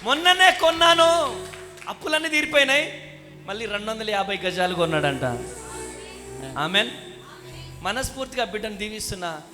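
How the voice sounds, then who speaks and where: In a reverberant hall with faint music, a middle-aged woman pastor delivers a revival sermon in an animated, mid-range voice. She speaks at normal speed with frequent pauses, pressing the congregation to clap and say amen.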